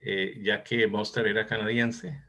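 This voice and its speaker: This is a man, talking through a medical case in an academic discussion. His voice is low and gravelly, with a husky edge. He speaks slowly, pausing often as he thinks back on earlier years. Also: level tone, sharp tone. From Costa Rica. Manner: thoughtful, reminiscing, hesitant. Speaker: cardiologist discussing a case presentation.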